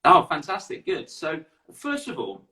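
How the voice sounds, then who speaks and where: A man's voice: high-pitched, wildly swooping pitch, unhurried, vocal fry, sharp tone, far from the mic. An English man hosting an online interview, upbeat and chatty, often repeating his words. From England. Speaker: host. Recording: echoey room, away from the mic.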